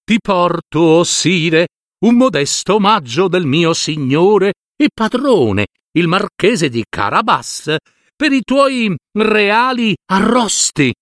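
A crafty storybook cat in boots speaks in a raised, lilting voice, as a male storyteller puts him on. He is courtly and flattering, all bows and persuasion, and his pitch leaps around as he talks. The sound is close and dry. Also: takes it slowly, no echo, heavily acted. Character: cunning, smooth-talking male cat in boots.

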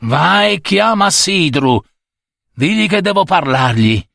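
A man reading a story aloud, voicing a grumpy old farm master who gruffly scolds his servant. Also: sits high, sing-song, slow, pushed and bright, dry recording, studio quality, pitched above the performer's own voice, exaggerated voice. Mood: commanding.

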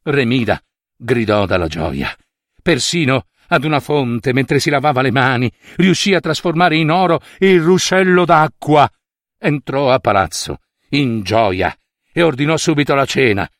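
A man narrating a story in an expressive way, speaking directly to his listeners. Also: medium pitch, no room sound, clean studio sound.

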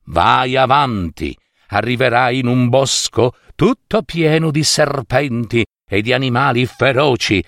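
A man voicing a kindly fairy in a fairy tale, speaking gently and slowly. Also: medium pitch, no echo, clean studio sound. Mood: gentle. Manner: gentle and slow.

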